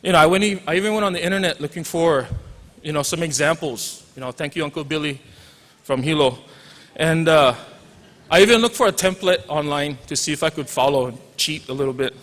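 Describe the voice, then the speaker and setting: In a big hall with echoing acoustics, a Hawaiian-accented teacher in his forties gives a casual commencement speech, mixing in humor and some Pidgin. He talks briskly in a fairly high, fairly bright voice.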